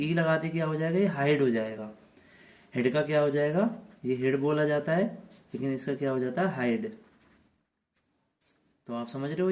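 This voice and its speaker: A man's voice: on the high side, a little mellow. Man teaching children in a lesson. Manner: repetitive rhetorical questions, spelling words out letter by letter. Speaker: English teacher.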